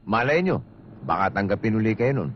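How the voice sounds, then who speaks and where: A young guy with a lively, swinging voice, teasing, dull film sound. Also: lowish voice, fairly quick, a little hiss or hum. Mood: calm. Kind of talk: comedic film acting.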